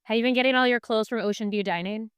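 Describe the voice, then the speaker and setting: A woman from Chicago chats about comedies on a podcast. She is animated and talkative. Her voice is smooth and clear, and the sound is dry and close to the mic. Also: fairly high pitch, fast talker, no room sound. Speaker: podcast co-host. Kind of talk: casual movie chat.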